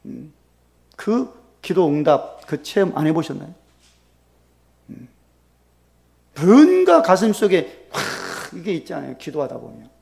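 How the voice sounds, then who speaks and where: A man preaching in a high, gravelly voice that swings widely in pitch. He moves from sudden loud bursts to quiet, drawn-out lines. His sermon delivery is animated and expressive. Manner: animated preaching, acting out quoted prayers with sudden loud bursts and soft drops. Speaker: pastor.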